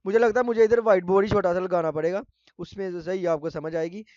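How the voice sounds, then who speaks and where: High-voiced man teaching patiently. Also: steady tone, dark tone, no echo, dull audio. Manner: addresses viewers as friends, repeats words slowly. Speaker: language teacher. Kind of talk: explaining a lesson to viewers.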